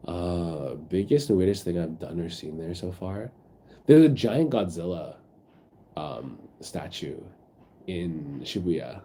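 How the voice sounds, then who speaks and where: A man's voice: low-pitched, lively intonation, slow, warm tone. Sick, sniffly man chatting on stream. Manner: rambling, reads chat aloud, many fillers. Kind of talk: casual chat with viewers. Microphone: phone.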